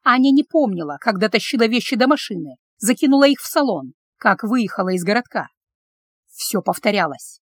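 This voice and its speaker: A woman's voice: medium pitch, sing-song, a little fast, husky, no echo, clean studio sound. A woman narrating a dramatic audiobook story with emotion.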